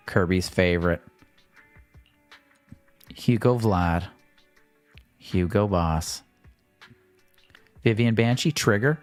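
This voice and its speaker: A man's voice: fairly low pitch, dry recording. A man streaming a video game, giving casual, joking commentary and swearing freely. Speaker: gaming livestreamer. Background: faint game music.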